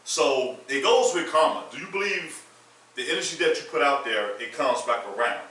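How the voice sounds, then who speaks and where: A man's voice: a little high, lively intonation, moderate pace, bright, forceful tone. A man hosting a panel talk show, blunt and outspoken in casual discussion. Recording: echoey room from far off.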